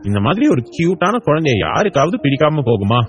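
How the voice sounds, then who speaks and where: A man voicing a kind adult who gently coaxes and comforts a crying child, for an audiobook. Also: fairly high pitch, very animated, quick pace. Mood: coaxing. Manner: gentle, coaxing, affectionate. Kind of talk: audiobook character voice.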